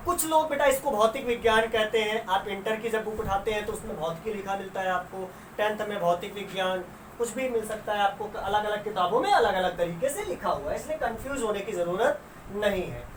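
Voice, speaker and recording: A woman with a medium-pitched voice teaches a school science lesson fairly quickly, asking the class questions, answering them herself, and elongating key words. The mic is distant, giving a roomy sound with faint noise.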